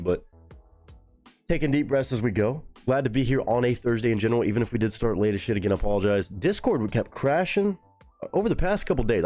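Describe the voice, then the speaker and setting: Chatty, animated male streamer. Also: mid-range voice. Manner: loose, chatty, swears casually, answers chat. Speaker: live-stream host. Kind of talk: casual live-stream chat.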